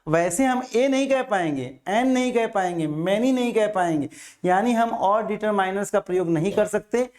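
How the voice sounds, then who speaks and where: A man's voice: high voice, darkish tone. A man teaching an exam-prep grammar lecture, patient and repetitive, asking and answering his own questions.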